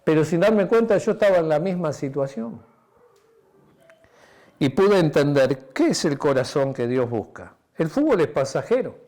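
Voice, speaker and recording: This pastor's voice sits a little high and swings widely in pitch, moving at a moderate pace. Preaching with a Uruguayan Spanish accent, he recounts a personal story through acted-out exchanges and frequent tag questions before softening into a hushed, intimate register at the close.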